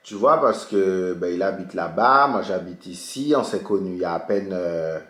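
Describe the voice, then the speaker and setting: A man's voice: normal speed, roomy sound. A man telling a story in a casual chatty way while doing his makeup, acting out dialogue with big jumps in his voice. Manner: animated, re-enacts dialogue with big pitch jumps. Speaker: beauty vlogger.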